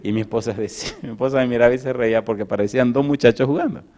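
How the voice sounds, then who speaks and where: A middle-aged man preaching, swinging between loud emphatic lines and soft, hushed storytelling. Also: mid-range voice, very fast. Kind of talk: sermon with personal storytelling.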